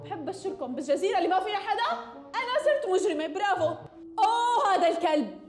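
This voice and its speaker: A woman with a Levantine Arabic accent giving excited, jokey gameplay commentary, full of gasps and shrieks. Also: very high-pitched, very fast, roomy sound, over loud music. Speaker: gaming YouTuber.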